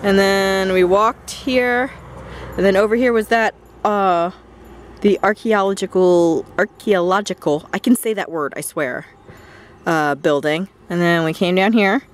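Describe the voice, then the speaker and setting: A young woman from West Virginia chatting casually and rambling on while filming a walk through a windy garden. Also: medium pitch. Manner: rambling, chatty, quick laughs. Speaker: vlogger. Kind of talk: casual walking vlog chat. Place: outdoors in a windy botanical garden.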